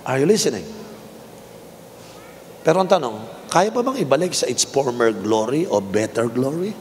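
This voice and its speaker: A man in his fifties with a Filipino accent preaching a sermon as a bishop, his voice leaping higher on emphatic rhetorical questions. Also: sing-song, moderate pace, a little mellow. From Philippines. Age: 50s. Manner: voice rises sharply in pitch for emphatic rhetorical questions. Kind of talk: sermon mixing Tagalog and English. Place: large indoor arena. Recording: reverberant arena, faint crowd noise.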